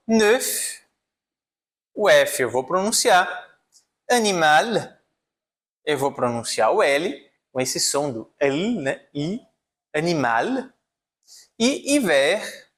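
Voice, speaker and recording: A man with a slightly high voice teaches a French pronunciation lesson. He explains each rule step by step, writing on a board as he goes. He keeps checking in with his listeners. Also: expressive, measured pace, fairly bright tone. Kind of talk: online language lesson.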